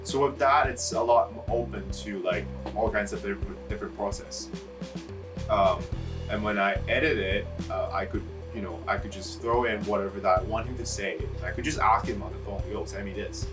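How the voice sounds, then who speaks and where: This low-voiced young man from Hong Kong is a filmmaker answering interview questions at a moderate pace. His manner is laid-back and rambling, heavy on "like" and "you know." Music sits underneath the recording, which was captured from a distance.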